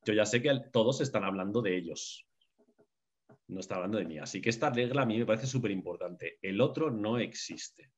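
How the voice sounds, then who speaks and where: A man's voice: on the low side, expressive, brisk. A man giving an emphatic teaching talk to a group, repeating key phrases and often checking in with his listeners. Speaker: lecturer on the unconscious. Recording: dull lo-fi recording.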